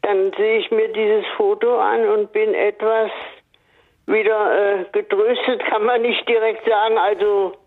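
An older woman phones in to a radio program, her voice thin and tinny down the line. She talks slowly and haltingly, stopping often to search for words. Her pitch sits in a middle range for a woman. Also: flat delivery. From northern Hesse. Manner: slow, hesitant, many pauses and fillers. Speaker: radio caller. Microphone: telephone.

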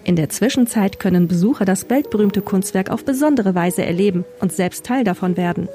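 A woman narrates a scripted radio travel feature in a mellow, warm voice. Her delivery is measured and informative. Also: mid-range voice. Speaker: radio reporter.

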